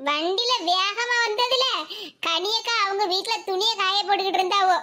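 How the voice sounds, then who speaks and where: A woman's voice: very high voice, moderate pace, crowd noise. A woman voicing a chatty, playful young daughter-in-law with a Kanyakumari Tamil accent, in a cartoon.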